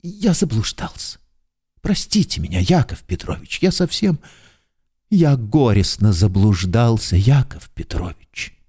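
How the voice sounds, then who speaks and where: A man's voice: medium pitch, very animated, unhurried, warm tone. A man voicing a timid, fawning middle-aged clerk who keeps pleading humbly and formally for forgiveness in an audiobook. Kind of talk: audiobook character voice.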